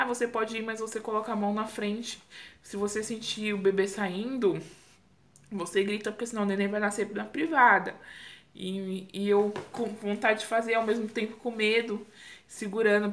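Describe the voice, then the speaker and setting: A woman's voice: mid-range voice, a bit bright. A young Brazilian woman casually telling the story of her childbirth to camera, acting out her own cries and the lines of others as she goes.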